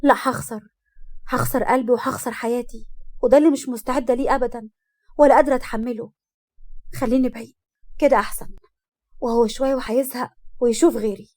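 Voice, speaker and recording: A woman's voice: on the high side, steady tone, quick pace, long pauses, mellow, lightly acted. A woman voicing a wary 28-year-old woman who defends her reasons, in an Egyptian accent. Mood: despairing.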